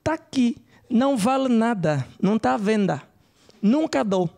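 Man doing a brassy Angolan woman, very high gravelly voice, gossipy, chatty storyteller. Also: animated, unhurried, a little mellow, heavily acted. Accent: Angolan Portuguese. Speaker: stand-up comedian. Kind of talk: stand-up character bit. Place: comedy club stage.

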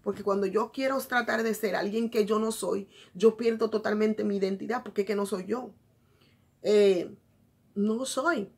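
Gravelly-voiced woman vlogger chatting. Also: medium pitch, steady tone, moderate pace. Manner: chatty, addresses viewers as "bellas". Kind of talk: casual confiding vlog chat.

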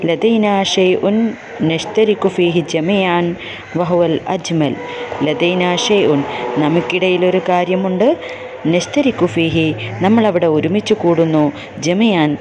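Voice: medium pitch, background noise. A teacher giving an online class, reading short text lines aloud and translating them phrase by phrase. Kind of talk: online class explaining a textbook lesson.

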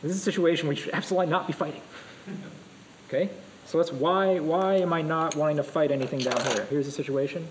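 A man lectures a room of students, his voice a touch higher than most men's. He is lively and keeps firing questions at the class. A faint hum sits under the recording. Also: fast, low-quality recording. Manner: energetic, asks the class questions. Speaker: go teacher.

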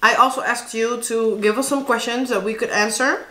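A woman's voice: on the high side, fairly even intonation, moderate pace, sharp tone, a little hiss or hum. A woman in her twenties, a native Dutch speaker, chatting casually with her sister while eating, giggly. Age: 20s. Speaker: vlogger. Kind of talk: casual mukbang chat. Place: home room with family. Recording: echoey room.

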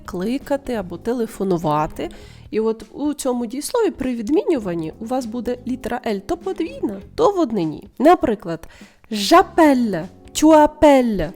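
A woman's voice: a little high, dark tone. A woman with a Ukrainian accent, a French tutor giving a grammar lesson, explaining patiently and repeating each form. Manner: explains patiently, spelling out letters and repeating forms.

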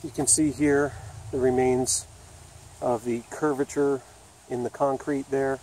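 A man's voice: mid-range voice, flat delivery, measured pace, a little mellow. Guy in his 30s vlogging on a woodland trail, camera at arm's length, rambly and chatty, faint outdoor noise. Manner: chatty, loose, thinks aloud with fillers. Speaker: video host exploring ruins. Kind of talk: casual walking vlog narration. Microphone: camera held at arm's length.

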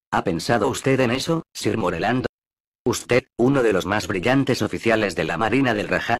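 An earnest young woman pleads with the man she loves, read by a male audiobook narrator. The voice stays low and plain, recorded close and dry. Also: dry recording, natural voice.

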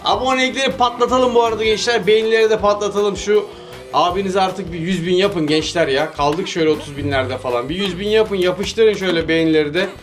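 Guy with a high-ish voice doing casual game commentary, playful, keeps yelling quick commands, loud game music under it. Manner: eager coaching, rapid cheering commands; playful, laughs often. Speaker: gaming channel host. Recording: game music playing loudly behind.

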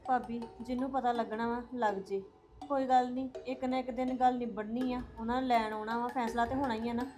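A woman with a Punjabi accent acting in a family drama, talking quickly and emphatically. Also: fairly high pitch, steady tone, a little mellow, soft background music. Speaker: Sandeep, visiting sister-in-law.

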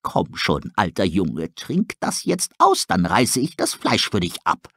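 A man doing a gruff, brisk owl. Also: deep voice, huge pitch swings, fairly bright tone, no echo, studio quality, voice pushed down, exaggerated voice. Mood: gruff, coaxing. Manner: gruff and practical. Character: blunt, brisk male owl.

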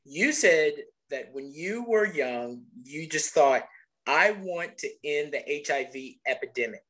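A man's voice: fairly high pitch, lively intonation, unhurried, fairly bright tone, poor audio. A man hosting a webinar interview, asking conversational questions and often stammering on repeated words. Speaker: interview host.

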